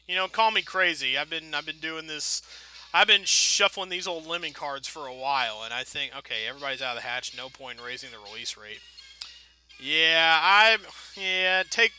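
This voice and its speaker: A video game let's player rambles casually through his gameplay, thinking aloud with wry self-deprecation and playfully folksy turns of phrase. His voice is fairly high, pushed and bright.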